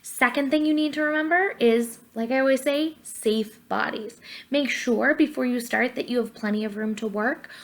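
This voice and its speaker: Speaking at a moderate pace in a voice on the high side, a young woman drama teacher guides children through pantomime, explaining and encouraging. The webcam or laptop sits at arm's length in her living room, and quiet music plays softly in the background.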